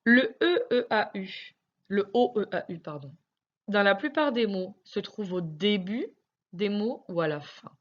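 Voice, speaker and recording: Animated and unhurried, a primary school teacher with a mid-range voice gives a recorded reading lesson to young children. She spells letters out carefully one by one, though the lo-fi recording sounds dull.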